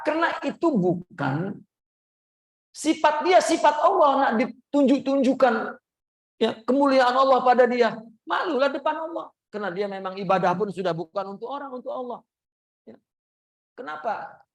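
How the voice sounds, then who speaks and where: Guy giving a sermon, tells stories, jumps way up in pitch for the quoted voices. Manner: lively storyteller acting out quoted voices with big pitch jumps. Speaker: religious teacher. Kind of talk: sermon storytelling.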